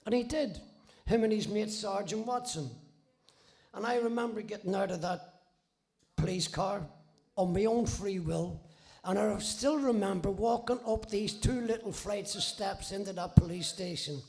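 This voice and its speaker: A man in his sixties with a Northern Irish accent and a high-pitched voice full of gravel. He tells his own story in plain conversation, blunt and wry, and he swears freely as he goes. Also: normal speed, darkish tone. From Belfast, Northern Ireland. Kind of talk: casual spoken storytelling.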